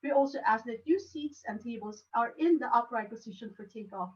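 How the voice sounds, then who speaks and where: Calm, polite Filipino flight attendant, as a woman presenter plays her; soft and even, over dull distant audio. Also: on the high side, fairly quick, close to an everyday voice.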